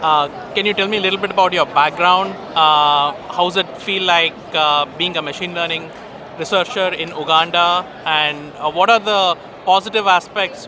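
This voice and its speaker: Male interviewer, casual and easygoing, slightly high voice, noisy conference floor. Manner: casual, quick backchannels and friendly questions. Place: crowded conference poster hall.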